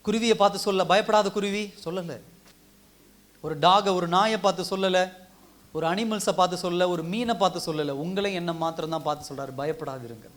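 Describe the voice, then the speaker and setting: High-voiced man preaching with repetition. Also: brisk, a bit bright. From India. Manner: exhorting, repetitive preaching cadence. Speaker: pastor. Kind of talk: Tamil sermon.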